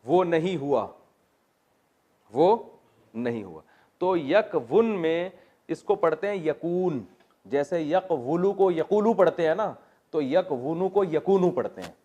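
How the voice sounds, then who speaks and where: A man's voice: a little high, expressive, pauses often, dark tone, lo-fi sound. A man with a Pakistani Urdu accent, a religious teacher giving a classroom lesson on Quran grammar, explaining step by step, quizzing his students and telling jokes.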